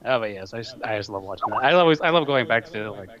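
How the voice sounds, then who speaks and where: A man's voice: on the low side, expressive, fast, fairly bright tone. Rambling man on a dull lo-fi mic. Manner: rambling, laughs between thoughts. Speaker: podcast co-host. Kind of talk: casual late-night chat.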